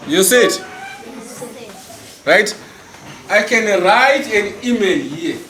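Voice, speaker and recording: A middle-aged man teaching a school class. He speaks slowly and deliberately, often checking with the pupils. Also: sits high, expressive, pushed and bright. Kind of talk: classroom lesson. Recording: roomy hall echo, distant mic, class noise.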